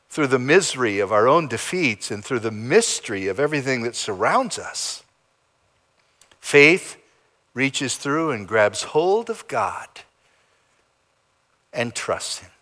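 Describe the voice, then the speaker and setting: In a church sanctuary, a pastor delivers a sermon in a dramatic preaching style. His pitch and volume swing widely, moving from loud emphasis to soft, low endings.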